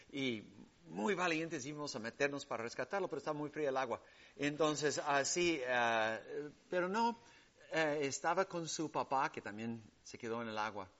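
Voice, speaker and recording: A man preaching a sermon with emphatic stresses that drop to hushed, soft passages. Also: lo-fi sound. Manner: emphatic preaching that swings between loud stresses and hushed lows.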